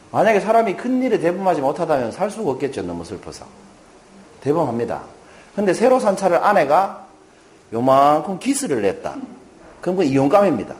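Animated male lecturer with a lively voice. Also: a little high. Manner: animated, asks the audience questions. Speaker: lecturer speaking to a live audience. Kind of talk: motivational lecture with storytelling.

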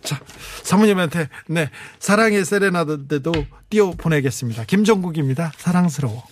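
A man hosting a late-night radio show, chatting and reading listener messages with warm, teasing asides. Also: on the high side, expressive, moderate pace. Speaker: radio DJ host. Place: radio studio. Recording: music playing faintly behind.

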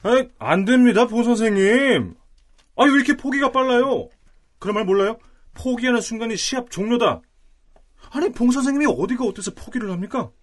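A playful, persuasive young teacher in an audio drama. His voice is high and lively with a breathy edge. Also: fairly quick. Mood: teasing. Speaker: voice actor. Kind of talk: Korean audio drama acting.

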